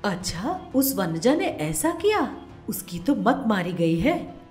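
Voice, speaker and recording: A suspicious, scolding cartoon mother-in-law, voiced by a woman in a lowered, gruff tone. She talks sharply and drily, and a roomy echo surrounds the voice. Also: sing-song, takes it slowly, a little mellow. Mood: stern. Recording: roomy echo, faint music.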